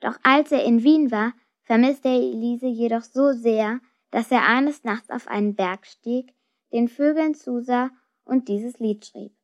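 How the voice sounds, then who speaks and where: A woman telling a story in a lively, expressive storybook reading. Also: a little high, a little slow. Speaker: narrator. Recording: dull lo-fi recording.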